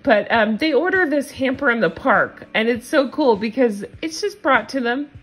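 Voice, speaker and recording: A woman's voice: fairly high pitch, animated, normal speed, fairly bright tone, slightly rough, poor audio. A woman with a standard American accent giving a casual, gossipy, opinionated recap of a reality show. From United States. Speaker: TV recap host.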